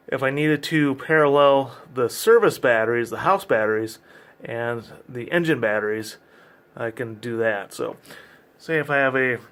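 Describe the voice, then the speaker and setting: A man's voice: medium pitch, fairly bright tone. Man giving a practical, informal walk-through. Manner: practical, matter-of-fact, hands-on explaining. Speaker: boat crew member giving a tour. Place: yacht engine room.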